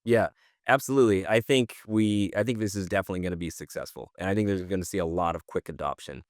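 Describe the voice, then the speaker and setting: A middle-aged man co-hosts a podcast, presenting industry news in a casual, informal and slangy chat. His low voice moves quickly, and the studio-quality recording has no echo.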